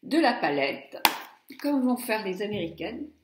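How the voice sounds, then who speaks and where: A woman's voice: medium pitch, very animated, measured pace, echoey room, noisy background. A middle-aged woman chatting through a makeup palette review, muttering asides and stumbling over English names. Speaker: beauty blogger.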